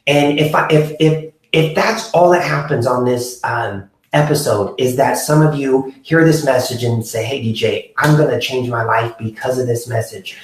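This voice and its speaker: A man's voice: mid-range voice, moderate pace, few pauses. A man in his forties hosting a motivational podcast, talking earnestly to viewers, with many fillers and restarts. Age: 40s. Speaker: podcast host. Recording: very echoey room.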